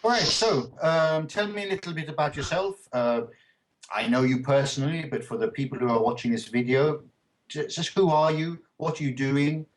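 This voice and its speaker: A man teaching English in a relaxed lesson, patiently correcting his student and checking in with quick tag questions. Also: fairly high pitch.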